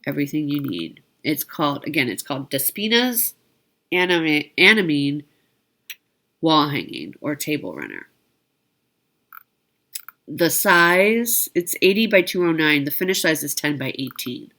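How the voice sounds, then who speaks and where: A woman hosts a needlework shopping video, showing off products in a chatty, informal way and often correcting herself or tossing in asides. Her voice is low and a bit bright, with a sing-song lilt at a normal speed.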